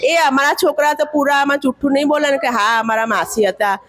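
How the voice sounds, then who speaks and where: A middle-aged woman cook speaks in a high voice, earnest and plain-spoken. She sounds aggrieved as she tells what she witnessed, in simple direct words. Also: quick pace, fairly bright tone. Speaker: mess cook, crash witness. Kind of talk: emotional eyewitness account.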